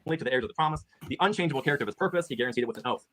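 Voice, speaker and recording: Very fast-talking man making a debate case. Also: mid-range voice, lively intonation, a bit bright, slight background noise. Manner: reads scripture, argues steadily. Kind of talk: prepared debate argument.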